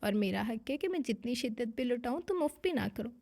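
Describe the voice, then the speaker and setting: A woman's voice: a little high, animated, a little fast, a little mellow. Woman reading a teasing possessive young husband. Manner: playful, mock-formal teasing.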